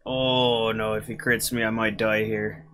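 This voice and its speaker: A man's voice: lowish voice, flat delivery, unhurried, a bit bright, faint music behind. A man streaming a video game, dropping pirate-style yar and arr growls and swearing as he plays. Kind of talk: let's play commentary.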